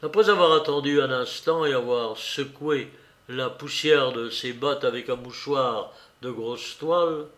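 A man narrating an audiobook in a measured, even storytelling manner. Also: mid-range voice. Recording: roomy echo.

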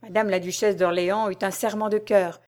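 A woman narrating an audiobook of a historical tale. She reads in a measured, even storytelling manner at a middle pitch for a woman. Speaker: reader.

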